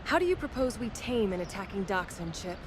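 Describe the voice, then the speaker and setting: A woman's voice: medium pitch, sing-song, fairly quick, close to an everyday voice. Woman playing a wry adventurer over noisy ambience. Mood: skeptical, exasperated. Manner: wry, exasperated. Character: practical, skeptical, dryly sarcastic female adventurer. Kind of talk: scripted fantasy comedy dialogue.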